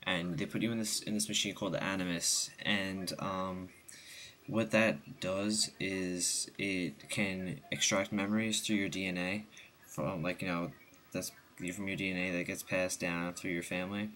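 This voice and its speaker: A man's voice: low voice, flat delivery, moderate pace, pushed and bright, a little hiss or hum. A young man with the hiccups giving a rambling, casual game review voice-over, full of ums and restarts.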